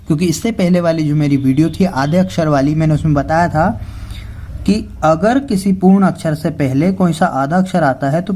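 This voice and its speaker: Man, teacher, slow step-by-step explaining, spells out letters, fairly high voice. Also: darkish tone. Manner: asks and answers his own questions. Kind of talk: classroom-style spoken lesson.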